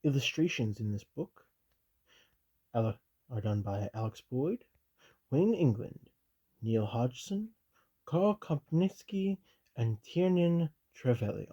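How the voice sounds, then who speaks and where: A man doing a soft-spoken stern commissar, whispered role-play. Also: mid-range voice, lively intonation, dull audio. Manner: measured, officious, with dry asides. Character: stern loyal male commissar reading aloud.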